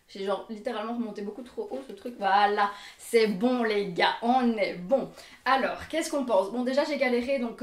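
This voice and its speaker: Belgian woman, young, talkative and self-deprecating vlogger; roomy echo, a step from the mic. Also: a little high. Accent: Belgian French. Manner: chatty, self-mocking, laughs often. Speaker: fashion vlogger. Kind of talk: casual try-on haul chat. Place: bedroom with mirror. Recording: echoey room, mic at a distance.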